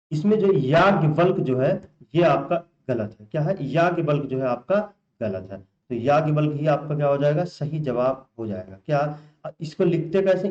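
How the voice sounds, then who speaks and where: A dark-toned man whose voice sits on the high side tutors students for a Hindi exam. Working through spelling items, he restates every answer to them as a question; the recording sounds roomy and muffled.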